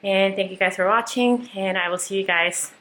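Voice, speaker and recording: A woman's voice: mid-range voice, steady tone, normal speed, fairly bright tone, rough recording. A woman in her late twenties, a new doctor, chatting casually to camera at home with lots of "like" fillers. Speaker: new resident doctor vlogging. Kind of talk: casual vlog talk to camera. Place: at home, indoors.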